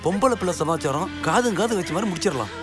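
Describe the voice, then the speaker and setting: A man's voice: sits high, expressive, quick pace, over music. An actor playing the mother's brother who reassures the family and takes charge. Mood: reassuring. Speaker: brother-in-law of the father. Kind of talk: film drama acting.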